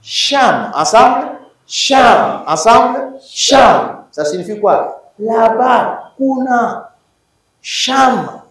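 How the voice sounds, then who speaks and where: Teacher, slow and very animated, quizzes his class, recorded from afar in an echoey room. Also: very high-pitched. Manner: emphatic, repeats words and quizzes students. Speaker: Hebrew teacher. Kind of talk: university lecture. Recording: echoey room, distant mic.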